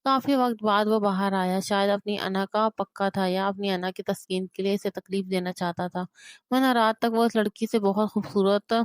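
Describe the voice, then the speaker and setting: A woman reading a romance novel aloud in steady, emotive scripted narration. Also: medium pitch, clear, resonant tone, no echo, clean studio sound.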